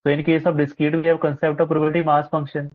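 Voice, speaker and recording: A man's voice: a little high, monotone, racing. A man, teaching a live online class in a patient, explanatory way, with frequent fillers. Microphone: laptop or headset mic on a video call. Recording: muffled, lo-fi online call audio.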